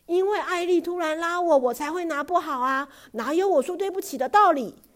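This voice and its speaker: Woman reader doing a firm storybook father who softens. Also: mid-range voice, big pitch swings, a little fast. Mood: stern. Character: stern but caring father.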